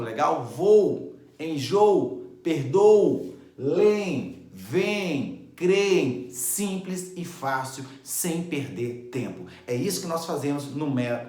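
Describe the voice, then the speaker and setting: Man, grammar teacher, higher-pitched voice, animated lesson, echoey room. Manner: lively, checks in with listeners often.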